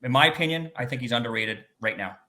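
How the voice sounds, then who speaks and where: Canadian male researcher, bright tone, mid pitch, excitable panel talker. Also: fast. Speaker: sports researcher. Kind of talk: casual panel chat.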